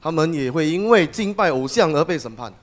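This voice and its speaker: A man's voice: a little high, animated, brisk. A man interpreting a sermon phrase by phrase, with some hesitations as he goes.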